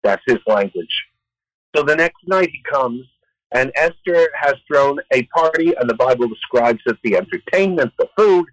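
Male guest storyteller, lively swooping voice, dry close sound, jokey. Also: medium pitch, normal speed, no room sound, low-quality recording. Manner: wisecracking, expressive, swings up and down. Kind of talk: animated storytelling.

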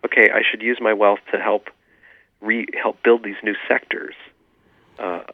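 Guy on a tinny phone line, lowish voice, earnest, lots of you knows, dry sound. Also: fairly even intonation, moderate pace, no room sound. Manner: earnest, explanatory, many "you know" fillers. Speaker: author and interview guest. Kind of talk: remote radio interview.

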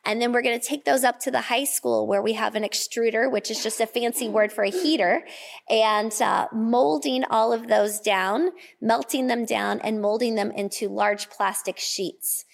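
A woman's voice: fairly high pitch, moderate pace, gravelly. A woman giving an informal spoken presentation as a school official at a meeting.

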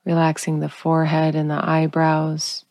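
This relaxation narrator is a woman with a low voice who leads a sleep meditation slowly and gently, letting long silences sit in the manner of a sleep story. The audio is dry.

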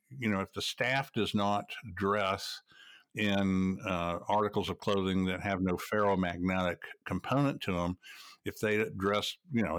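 A man hosting a panel discussion, explaining things in a measured way with frequent restarts. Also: sits low, no echo, clean studio sound.

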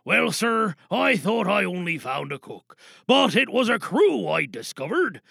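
An actor voicing a stiff man who reads a formal letter in a measured, lower voice. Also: sing-song, creaky, sharp tone, no room sound, studio quality, exaggerated voice.

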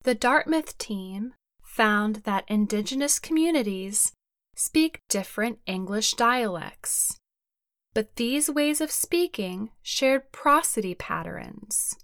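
A woman reading a scripted report with slow, careful, measured and explanatory delivery. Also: fairly high pitch, lively intonation, fairly bright tone, dry recording, studio quality. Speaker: narrator of a learning-English news report.

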